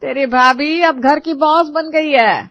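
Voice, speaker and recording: A sharp-tongued, old-fashioned mother-in-law, voiced by a woman in a cartoon story, scolding in a loud, high, shrill voice. The recording is dull and lo-fi, and very dry. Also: takes it slowly, dry recording. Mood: indignant.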